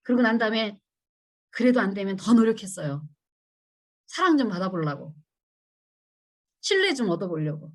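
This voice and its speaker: A woman's voice: medium pitch, animated, normal speed, long pauses. A middle-aged woman teaching a church women's seminar, acting out her own past pleas as quotes and putting questions to the listeners. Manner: asks the audience questions. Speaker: seminar speaker.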